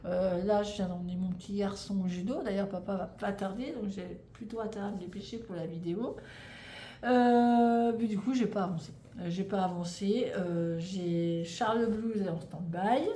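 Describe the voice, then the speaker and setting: A French woman in her thirties, a knitting vlogger, chats casually about her craft in a mellow, medium-pitched voice at a moderate pace. She rambles and trips over her words, full of fillers and restarts. The room echoes, with faint noise in the background.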